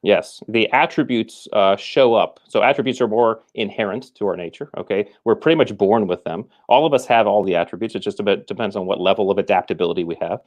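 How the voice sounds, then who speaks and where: Lower voiced guy, guest on a chat, explains stuff slow with lots of restarts. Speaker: guest, former military trainer. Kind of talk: conversational explaining.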